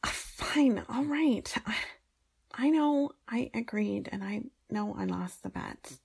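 Casting: woman to play adult woman as a grudging, teasing maid in intimate audio role-play; heavy vocal fry, husky, unhurried. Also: on the high side, lively intonation, a little mellow, exaggerated voice. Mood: embarrassed, grumbling.

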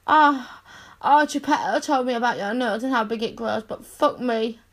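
A woman performing a scripted roleplay monologue in a teasing, commanding, dominant manner, with breathy sighs. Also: on the high side, normal speed.

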